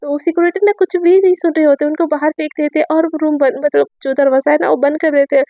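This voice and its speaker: A woman with a sore throat tells a story in a loose, chatty way, full of fillers. Her voice is high yet mellow, and the recording is dry and close. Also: steady tone, quick pace, dry recording. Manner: chatty, filler-heavy retelling. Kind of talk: casual story narration.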